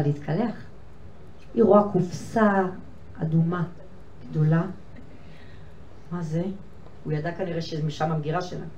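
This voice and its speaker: An older woman giving a lively storytelling lecture to a room of women, acting out conversations with big swings in pitch and volume. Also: muffled recording. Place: lecture hall with an audience of women. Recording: echoey hall from far off, faint noise.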